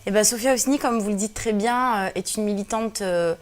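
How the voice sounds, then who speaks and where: A guest activist from Algeria, a woman in her twenties whose first language is Kabyle Berber, answers interview questions earnestly. Her medium-pitched voice moves fairly quickly, full of hesitations and fillers.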